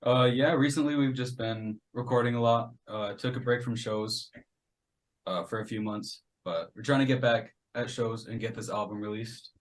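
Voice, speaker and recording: A man in a band, answering an interview question softly and a little hesitantly. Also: medium pitch, steady tone, moderate pace, distant mic. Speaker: band member guest.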